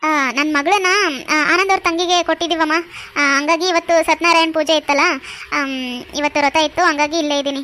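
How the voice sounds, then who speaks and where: A woman's voice: sits high, steady tone, brisk, pushed and bright. A woman voicing an older aunt in a cartoon, explaining plainly why she is there. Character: older aunt, bride's mother. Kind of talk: cartoon voice acting.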